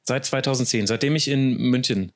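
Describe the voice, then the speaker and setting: A man's voice: medium pitch, a little fast. Chatty German man, enthusiastic guest. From Franconia, Germany. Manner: chatty, enthusiastic, many restarts and fillers. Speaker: sports journalist guest. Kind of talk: casual podcast interview.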